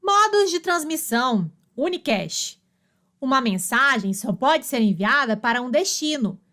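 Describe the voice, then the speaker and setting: High, lively woman reading study notes slowly. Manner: reads terms in short slow phrases. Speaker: study narrator. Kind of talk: scripted narration of study notes.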